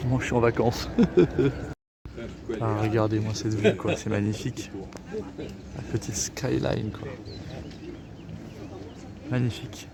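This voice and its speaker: Tired, chatty male travel vlogger. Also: mid-range voice. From France. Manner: chatty, enthusiastic, many fillers. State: tired, sore feet. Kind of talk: casual travel vlog. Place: outdoors in a city and indoors in a hostel. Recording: street noise behind a handheld camera.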